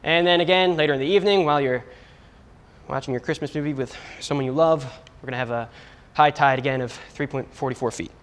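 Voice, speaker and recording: A man's voice: mid-range voice, quick pace. A young man presenting the weather as a stand-in, in a goofy, self-mocking, mock-serious manner. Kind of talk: comic weather segment.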